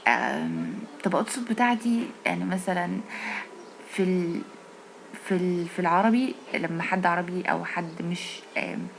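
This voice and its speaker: A woman with an Egyptian Arabic accent teaching English in a casual video lesson, repeating English phrases slowly to explain them. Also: fairly low pitch, big pitch swings, gravelly, a little hiss or hum, rough recording.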